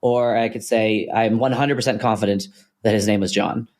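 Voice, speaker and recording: A man co-hosting a podcast, talking through ideas in a thoughtful, hesitant way with many pauses and restarts. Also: fairly low pitch, steady tone, a little mellow. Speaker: podcast co-host. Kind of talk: casual philosophical conversation.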